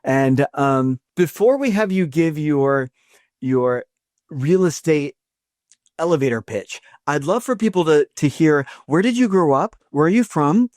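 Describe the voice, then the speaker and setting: A man's voice: on the high side, animated, measured pace, a little mellow, no echo, clean studio sound. A man hosting a podcast, reading a scripted opening and then chatting with a guest in a friendly way, with some fillers and restarts. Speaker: podcast host. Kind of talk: podcast interview.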